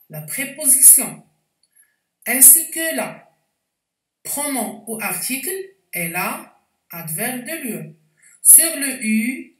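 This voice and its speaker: A woman teaching a spelling lesson, explaining slowly and carefully with frequent hesitations. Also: on the high side, fairly bright tone. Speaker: French teacher. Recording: echoey room, voice distant from mic.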